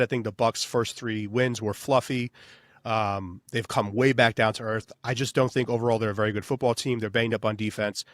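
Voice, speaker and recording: A man's voice: mid-range voice, fairly bright tone, dry recording, studio quality. A man co-hosting a sports betting podcast in loose, casual chat full of fillers. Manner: loose, filler-heavy, says "baby". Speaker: podcast co-host.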